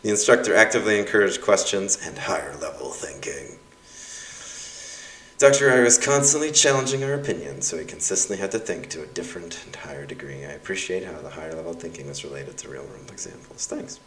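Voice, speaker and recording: Low-pitched yet fairly bright, this young man talks quickly and animatedly, a Russian-native university instructor reading out his course evaluations. His tone is wry and self-mocking, full of fillers, recorded from a distance in a roomy space.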